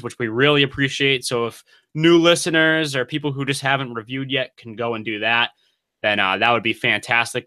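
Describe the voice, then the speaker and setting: A man's voice: mid-range voice, pushed and bright. A man hosting a casual sports podcast, loose and rambling, often laughing at himself. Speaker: podcast host.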